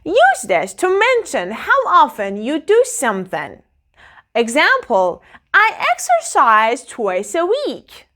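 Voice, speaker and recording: A woman teaching English phrases in a clear, emphatic, sing-song way. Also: high voice, wildly swooping pitch, slow, fairly bright tone. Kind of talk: slow instructional explanation.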